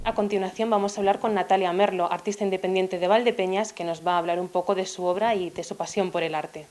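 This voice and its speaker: A woman's voice: medium pitch, steady tone, quick pace, a little mellow. Woman interviewer with faint background hiss. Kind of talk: local TV interview.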